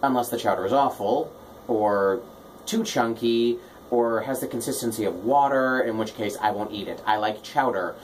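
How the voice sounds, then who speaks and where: A man's voice: medium pitch, moderate pace, a little hiss or hum, rough recording. A man hosting a radio show with casual comic patter, tongue-in-cheek and self-deprecating. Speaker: radio host, DJ.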